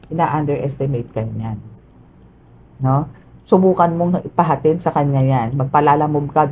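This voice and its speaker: A low-pitched woman gives a chatty tarot reading, often tagging her sentences with quick questions to the listener. Her voice is dark and mellow, with faint background noise in the recording. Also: low-quality recording. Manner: chatty, peppers talk with "no?" and "okay?". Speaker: tarot reader. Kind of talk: casual tarot reading monologue.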